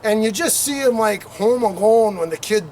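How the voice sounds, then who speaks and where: Speaking at a moderate pace, this middle-aged storyteller has a high-pitched but darkish voice as he rambles through an anecdote, performing quotes and engine noises along the way. The camera sits several meters off on an outdoor patio, picking up background noise.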